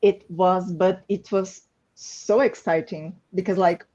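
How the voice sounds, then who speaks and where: A woman excitedly explaining a product on a livestream panel, with lots of "like" fillers. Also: fairly low pitch, slow, dull audio. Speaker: game company staff member.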